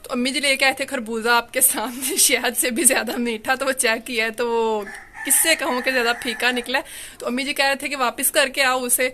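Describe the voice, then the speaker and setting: Filming on a handheld phone outdoors in a sunny courtyard, a young adult woman from Pakistan narrates her family home vlog in a rambling, chatty way, leaning on "you know." She speaks a little fast in a high, steady voice, with background noise in the recording.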